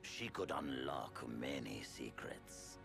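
An actor playing a grave, imperious old ruler with a gravelly voice in a dramatic video game cutscene. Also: male voice, rumbling low, expressive, takes it slowly, a bit bright, faint music behind, heavily acted. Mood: grave, commanding.

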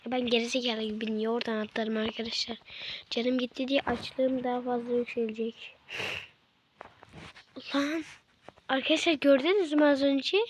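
A man putting on a girly female voice while giving casual gameplay commentary, excitable, cursing at the game and chatting to viewers. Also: extremely high pitch, a little hiss or hum. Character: girly female voice put on by a male gamer. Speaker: gaming streamer.

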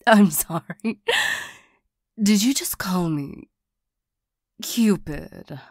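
Woman playing a slow, soft-spoken demon seductress. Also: lowish voice, expressive, no echo, studio quality, full character voice. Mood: wistful. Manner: slow, coaxing, teasing. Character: flirtatious, lonely female demon, coaxing and easily irritated. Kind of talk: ASMR role-play. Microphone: close microphone.

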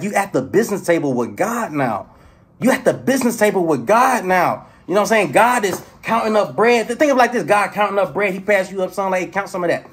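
A man giving a casual, profane motivational rant to his viewers, preachy and excitable, swinging between loud outbursts and low murmurs. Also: breathy edge. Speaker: spiritual motivational vlogger.

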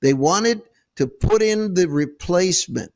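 Gravelly, incredulous male host. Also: sits high, animated, a little slow, darkish tone. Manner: incredulous, emphatic, sarcastic. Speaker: show host, preacher. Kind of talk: casual political commentary.

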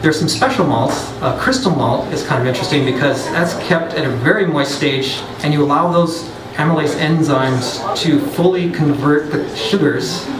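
This brewer's voice is slightly high, and he talks at a normal speed with hardly any pauses. He delivers a relaxed science lecture to pub listeners, with joking asides and frequent restarts. The roomy recording is distant from the mic and has heavy background noise.

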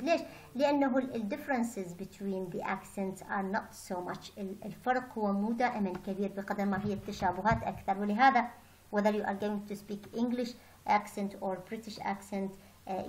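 A woman lectures on English pronunciation in a mid-pitched voice. She hesitates often and restarts phrases, then slows right down to model the English carefully. A faint hiss sits behind the recording. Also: poor audio. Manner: hesitant, many fillers and restarts; slow careful English, faster Arabic. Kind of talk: lecture mixing Arabic and English.

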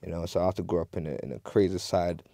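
A young man from Nigeria a low, mellow voice. He tells his stories in a laid-back, rambling way, leaning on "you know" all the time. The sound is dry and close, little room in it. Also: very fast, creaky, dry recording. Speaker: guest artist. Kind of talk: casual interview chat. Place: small recording studio, seated on a sofa.

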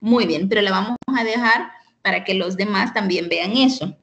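A woman teaching an online English lesson, explaining slowly and patiently and often checking in with "ok?". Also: medium pitch, fairly bright tone, muffled recording. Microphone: computer mic on a video call.

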